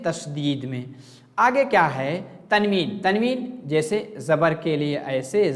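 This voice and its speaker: Male teacher with a slightly high voice and a slow, deliberate delivery, quizzing and answering himself. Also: big-room sound. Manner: asks questions and answers them himself; slow and repetitive explaining. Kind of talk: online grammar lesson.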